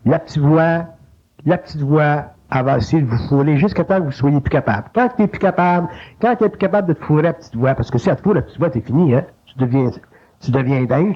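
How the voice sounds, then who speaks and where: This spiritual teacher speaks Quebec French in a relaxed, animated manner, jumping up in pitch to act out a little inner voice. His male voice has a breathy edge and a slightly veiled, dull timbre. The recording, digitized from an old cassette tape, is muffled and lo-fi.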